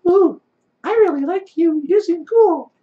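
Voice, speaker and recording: Man putting on a high-pitched, smitten, gushing fan. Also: a little slow, phone-quality sound. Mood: smitten, excited. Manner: gushing, excitable. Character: smitten, eager male spectator charmed by a snake. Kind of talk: tabletop game role-play.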